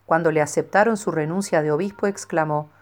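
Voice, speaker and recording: Female narrator for a scripted devotional reading, calm and measured, a little low in pitch. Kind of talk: scripted narration of a saint's life.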